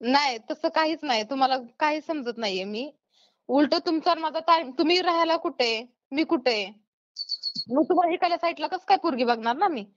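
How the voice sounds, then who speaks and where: A woman with a Maharashtrian accent answers a prank call as a YouTuber, her high voice brisk while she speaks bluntly and fires off questions. It's a casual phone conversation, picked up through the phone and recorded dull and lo-fi.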